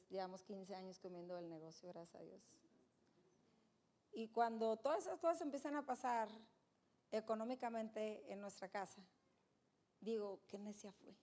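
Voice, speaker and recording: A middle-aged woman, giving an animated, emphatic faith testimony as a guest speaker and turning often to her audience. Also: a little high.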